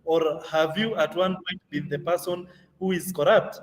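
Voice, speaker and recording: A man with a fairly high pitch and steady tone moderates an online youth training session at normal speed, conversational, filler-heavy, and quick to laugh. He's far from the mic, and the low-quality recording has a long reverb tail.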